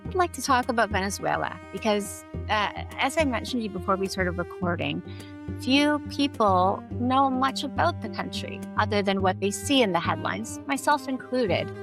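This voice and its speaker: A woman's voice: medium pitch, expressive, normal speed, gravelly, music in the background. A woman hosting a podcast, introducing her guest and asking questions with many small fillers. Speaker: podcast host. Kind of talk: interviewing a guest.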